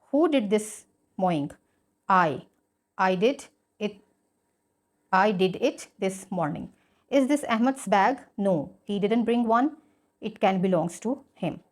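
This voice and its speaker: A medium-pitched woman teacher explains a school English lesson, reading example sentences aloud and then explaining them in Hindi-Urdu.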